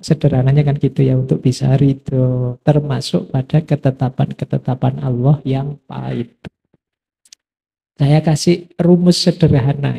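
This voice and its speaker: A middle-aged man giving a relaxed philosophy study talk, answering imagined questions from his audience. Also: fairly high pitch, gravelly, husky. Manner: relaxed conversational teaching, quoting imagined questions. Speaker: lecturer.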